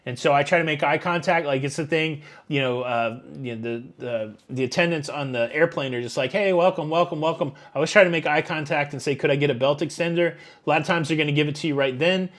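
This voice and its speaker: On his live stream, a cruise channel YouTuber in his fifties goes through viewers' super chats, replying in a chatty, meandering way packed with fillers. His voice is on the high side and a bit bright, and he keeps a quick pace with few pauses.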